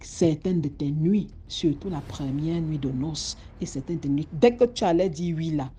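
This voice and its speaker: Une femme à l'camerounais qui raconte une histoire mystique sur un ton familier, avec beaucoup de répétitions et de reprises. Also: female voice, low-pitched, normal speed, slight background noise. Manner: animated, many restarts and repetitions. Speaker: storyteller. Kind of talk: casual spoken storytelling.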